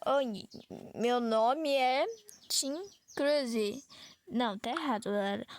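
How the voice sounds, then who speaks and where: Young brazilian woman, high bright voice, gaming chat on her phone, bit of noise behind. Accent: Brazilian Portuguese. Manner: chatty, addresses viewers often. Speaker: gaming vlogger. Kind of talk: casual gameplay chat. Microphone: phone recording.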